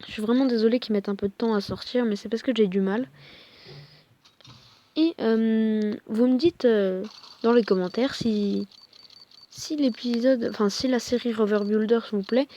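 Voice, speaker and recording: A young woman talks casually over a mobile game, hesitant, full of fillers and quick apologies. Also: a little high, steady tone, mellow. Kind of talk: casual gameplay commentary.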